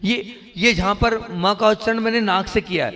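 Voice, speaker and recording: A man, a Jain monk, preaches to a gathered audience in a fairly high voice, teaching slowly and checking in with frequent questions. His words ring out with a long echo around a large hall, and now and then he draws syllables out into a sung chant. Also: pushed and bright, soft background music. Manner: instructive, repeatedly asks the audience questions. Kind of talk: devotional sermon and pronunciation lesson.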